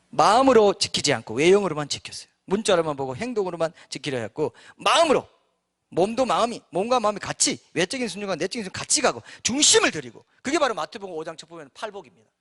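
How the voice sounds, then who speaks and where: A man's voice: fairly high pitch, fairly bright tone. A male pastor preaching a sermon in a church, emphatic and full of rhetorical questions to the congregation.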